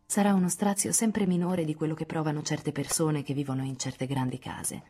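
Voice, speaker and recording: A woman's voice: low voice, steady tone, normal speed, dark tone, slight background noise, lightly acted. A woman voicing a proud, resolute young woman, speaking firmly and with indignation in an audiobook. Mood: defiant. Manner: indignant, firm, spirited. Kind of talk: audiobook dialogue reading.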